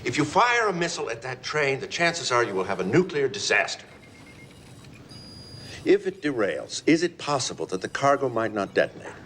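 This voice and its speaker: Principled president, authoritative, lively mid-range voice, film drama, faint room noise. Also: male voice, medium pitch, moderate pace. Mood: firm, resolute. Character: firm, principled American president in a crisis. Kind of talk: TV disaster film acting.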